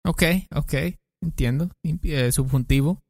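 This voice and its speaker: A man's voice: a little high, gravelly, dark tone, no room sound. Man explaining Spanish grammar, dry close sound. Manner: playful, explains with quick examples. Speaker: podcast co-host teaching Spanish. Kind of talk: casual language lesson chat.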